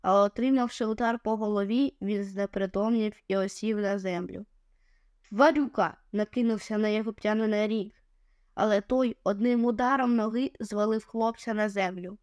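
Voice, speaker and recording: A woman narrating an adventure audiobook in a measured, expressive way. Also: medium pitch, smooth, no echo, studio quality.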